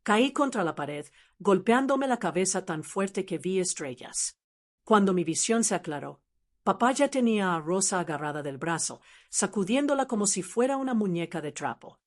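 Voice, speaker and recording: A woman reads a scripted first-person family drama aloud. Her voice sits at a medium pitch. She tells it in a dramatic, even storytelling manner. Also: normal speed.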